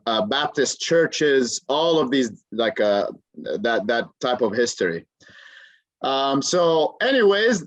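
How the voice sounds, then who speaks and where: A man's voice: medium pitch, dry recording, low-quality recording. A man in his thirties, originally from Jordan, a career coach telling his story as an interview guest, earnest and full of fillers. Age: 30s. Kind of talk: interview conversation.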